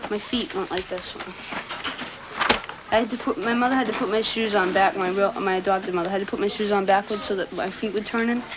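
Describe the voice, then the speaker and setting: A nineteen-year-old woman reciting her own poem and reading records aloud in a plain, earnest way, with some halting restarts, heard from a worn VHS tape copy. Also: mid-range voice, fairly even intonation, rough recording. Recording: hissy worn videotape copy.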